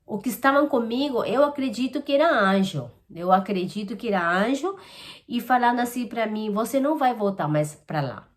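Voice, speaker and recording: Woman, slightly high voice, earnest and halting personal testimony. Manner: earnest, halting retelling with many restarts. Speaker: testimony giver.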